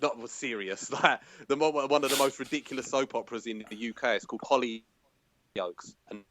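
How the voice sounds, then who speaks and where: A man's voice: mid-range voice, normal speed, noisy background. Laughing London man in casual banter. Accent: London English. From London, England. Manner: laughing, easygoing banter with restarts. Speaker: podcast guest. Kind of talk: casual chat.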